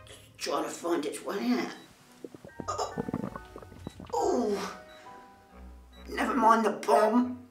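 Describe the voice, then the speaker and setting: A man's voice: high voice, lively intonation, slow pace, pauses often. A British man playing a hapless, queasy robber who groans with an upset stomach in a naturalistic film. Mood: queasy, uneasy. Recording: roomy distant film sound with music.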